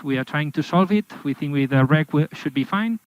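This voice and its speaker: A man working as a race engineer, giving measured, clipped instructions over team radio and repeating key orders. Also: on the high side, expressive, no echo. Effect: team radio transmission. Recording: dull, dry, lo-fi team radio.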